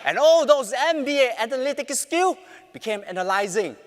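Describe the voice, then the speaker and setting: A forty-year-old man with a Bruneian accent giving a rehearsed motivational stage speech, projecting loudly and dramatically with deliberate pauses. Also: extremely high pitch, animated. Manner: loud, projected stage delivery. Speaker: contest public speaker. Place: on stage in a large hall. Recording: reverberant large hall.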